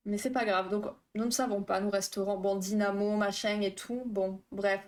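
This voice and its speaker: A woman's voice: medium pitch, flat delivery, moderate pace, darkish tone. A woman therapist hosting a live stream, explaining phobias in a chatty, casual way with many fillers and asides to her chat.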